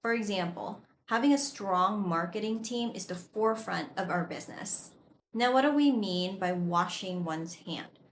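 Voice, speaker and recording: A woman teaching an English vocabulary lesson, explaining each word deliberately and clearly. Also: medium pitch. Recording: echoey room with faint noise.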